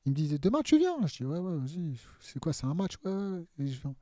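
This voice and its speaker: Man in his thirties, fairly high voice, animated storyteller, laughs a lot, dry close sound. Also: fast, dry recording. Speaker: podcast guest, footballer. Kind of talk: casual anecdotal storytelling.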